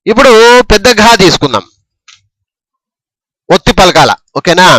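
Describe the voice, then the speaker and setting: Man, high voice, dry close sound, patient teacher, slow syllable drills. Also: lively intonation, a bit bright, no echo, low-quality recording. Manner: patient, repetitive drilling, frequent "okay?" checks. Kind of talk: Telugu alphabet lesson, reciting syllables.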